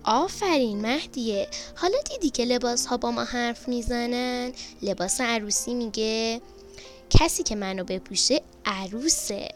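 A woman voicing a gentle, patient mother who calmly explains and praises her daughter. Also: on the high side, natural voice. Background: background music.

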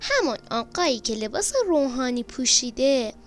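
A woman voicing an excited, curious little girl who asks eager questions in a high voice. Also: close to an everyday voice. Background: background music.

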